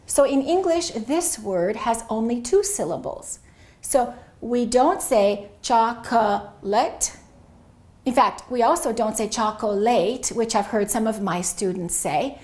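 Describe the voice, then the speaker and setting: A middle-aged woman leads a pronunciation lesson, modeling each word deliberately so learners can repeat it. Her voice sits a little on the high side, and her delivery stays clear and careful throughout. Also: darkish tone. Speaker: English pronunciation teacher.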